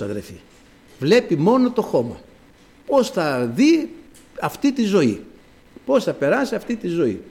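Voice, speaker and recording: A male preacher delivering a sermon. His voice sits high and swings widely in pitch, and he preaches in an emphatic, animated way.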